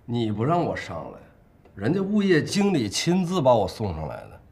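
A coaxing dad in his forties, lively pitch, mid-range voice, pleading. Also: normal speed, gravelly, slight background noise. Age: 40s. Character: easygoing middle-aged dad, persistent. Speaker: father visiting his daughter. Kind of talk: TV drama acting.

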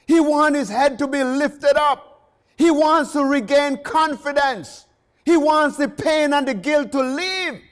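A man preaching a sermon, passionate and rising to shouts on key phrases. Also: very high-pitched.

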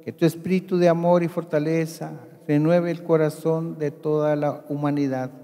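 A man leading Mass as priest, praying in a calm, deliberate, solemn way, with a long cathedral echo around his voice. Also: fairly high pitch. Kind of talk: liturgical leading and prayer. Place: large church. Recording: long church reverb.

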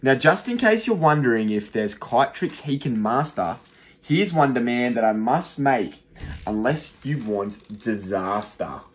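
Reading a rhyming picture book aloud to young children, a young adult male teacher keeps an unhurried, rhythmic, expressive delivery in a mid-range voice. He is seated in a small room, and a phone just in front of him captures the recording.

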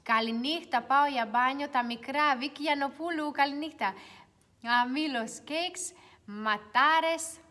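A young woman hosting a casual makeup livestream, chatting and reading viewer comments aloud, sometimes dropping to quiet mutters. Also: sits high. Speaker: beauty livestream host. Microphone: phone.

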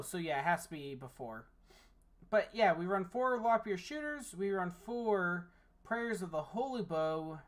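Tired, casual card game deck reviewer. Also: mid-range voice. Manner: reads card text aloud between casual, uh-filled remarks. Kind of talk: casual deck profile walkthrough.

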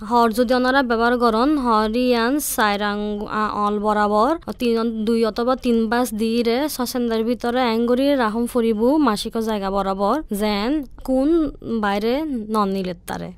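A woman doctor speaking Chittagonian Bengali, explaining in an interview in a halting way with restarts. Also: on the high side, clear, resonant tone, no echo. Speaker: doctor, guest expert.

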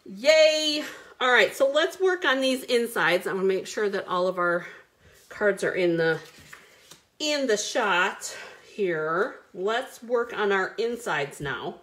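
A woman's voice: mid-range voice, animated, measured pace, a bit bright. A woman hosting a live card-making stream, chatty and bubbly, greeting viewers by name as she works. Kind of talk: live crafting stream chat.

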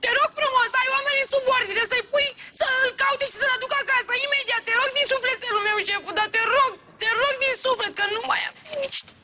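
A woman's voice: very high-pitched, long pauses, heavy background noise. An actress playing an anxious woman who begs a police chief for help. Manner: pleading, anxious. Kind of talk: sitcom acting.

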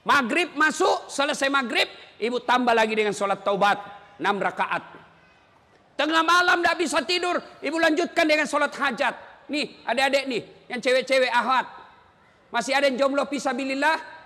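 A male preacher giving a humorous sermon, teasing and addressing the audience directly in an animated way, with a long hall reverb. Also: very high-pitched, normal speed.

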